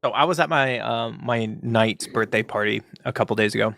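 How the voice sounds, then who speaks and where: A man's voice: fairly low pitch, fairly quick, vocal fry, fairly bright tone, no echo, clean studio sound. A young man hosting a gaming stream, chatting casually with profane, joking banter.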